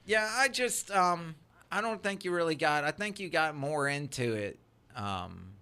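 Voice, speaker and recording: Man, podcast co-host, eager, interjecting, bright tense voice. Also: on the high side, big pitch swings, clear, resonant tone. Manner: eager, interjecting, quick to laugh. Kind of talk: casual chat.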